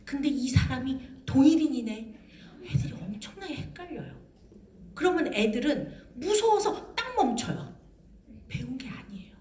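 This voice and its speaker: Animated woman lecturing in an echoey hall. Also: high voice, recorded from a distance. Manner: animated, acts out mother and child voices. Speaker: parenting lecturer. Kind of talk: lively public lecture. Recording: roomy hall sound, faint noise.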